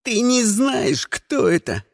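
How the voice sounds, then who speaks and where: A man's voice: extremely high pitch, sing-song, takes it slowly, vocal fry, no room sound, studio quality, pitched above the performer's own voice, heavily acted. A man voicing a frantic, bullied teenage boy who screams with a cracking voice, in an audiobook. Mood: raging.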